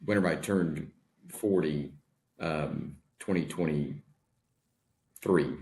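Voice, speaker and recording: Very deep-voiced man in his forties. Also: takes it slowly, a little mellow. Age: 40s. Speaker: podcast guest. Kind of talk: casual interview talk.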